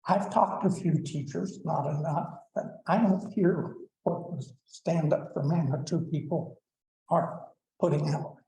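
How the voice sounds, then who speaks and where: A man's voice: a little high, steady tone, measured pace, gravelly, warm tone, roomy sound, slight background noise, low-quality recording. A man in his seventies giving a plainspoken, blunt public comment at a school board meeting, with frequent "uh" fillers. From Colorado, United States. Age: 70s. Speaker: public commenter, retired superintendent.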